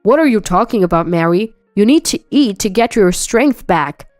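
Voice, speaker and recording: A woman's voice: medium pitch, animated, normal speed, a little mellow, dry recording, studio quality, soft background music, natural voice. A woman voicing a self-centered husband who talks down dismissively in a story reading. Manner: dismissive, mocking.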